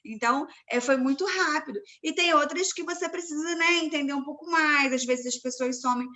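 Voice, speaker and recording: A woman from Brazil hosting a casual chat, talking warmly and loosely with lots of "né" fillers. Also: high-pitched, a little fast. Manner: chatty, many fillers like "né". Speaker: host.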